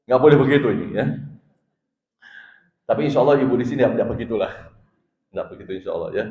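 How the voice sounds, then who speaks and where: A male preacher giving an animated mosque sermon, rising to loud emphatic peaks and asking his listeners questions directly. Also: medium pitch, fast. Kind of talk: mosque sermon after dawn prayer. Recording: roomy, dull mosque PA recording.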